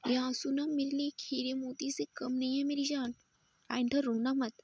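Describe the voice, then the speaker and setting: A woman's voice: sits high, flat delivery, moderate pace, a little mellow, husky, dull audio. A woman voicing a loving, playful young woman in whispered role-play, tender and coaxing. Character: loving young woman Jass, teasing and protective.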